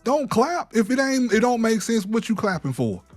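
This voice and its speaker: High-voiced guy going off, swinging all over, mocking and fed up, dry sound with faint music. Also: normal speed, no echo. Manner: animated, mocking, exasperated. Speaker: co-host. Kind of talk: heated casual commentary.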